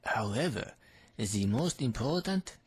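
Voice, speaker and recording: A man's voice: mid-range voice, sing-song. A man with a German accent playing an arrogant, insulting guitar tutor in a comedic video, boastful and mocking. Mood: cocky mocking. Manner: boastful, mocking, slow deliberate delivery. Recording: loud guitar music behind voice. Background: loud electric guitar music.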